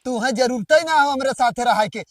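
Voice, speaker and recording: A man's voice: very high-pitched, brisk, no room sound, studio quality, far from the mic. A man with an Awadhi accent, scolding and threatening his wife in a rustic village comedy sketch. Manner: blustering, scolding.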